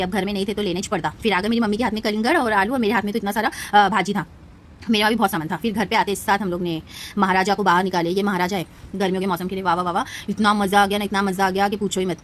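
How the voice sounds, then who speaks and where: Fast chatty young woman with a lilt. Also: medium pitch, fairly even intonation, fairly bright tone, slight background noise. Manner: playful, rambling, self-teasing. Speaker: vlogger. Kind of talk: chatty vlog voice-over.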